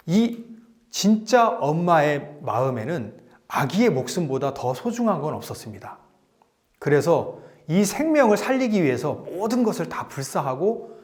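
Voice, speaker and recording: A man giving a lecture to elderly students, retelling a story with lively swings and frequent fillers. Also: mid-range voice.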